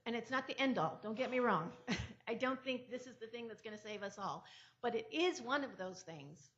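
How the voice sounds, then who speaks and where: A woman's voice: a little high, lively intonation, normal speed, a bit bright. An older woman from California's Central Valley giving earnest, impassioned public testimony at a board meeting, into a podium microphone. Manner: earnest and impassioned, rising in force. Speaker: public commenter. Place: public hearing room. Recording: muffled meeting-room audio.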